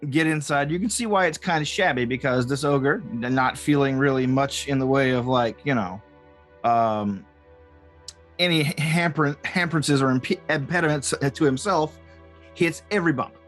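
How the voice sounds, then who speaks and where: A man improvising narration as game master, halting and jokey as he describes the scene. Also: medium pitch, fairly bright tone, soft background music. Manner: halting, jokey, often chuckling.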